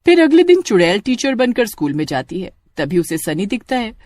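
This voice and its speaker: Steady dramatic story narrator. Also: mid-range voice, a little fast, dry recording. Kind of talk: scripted cartoon story narration.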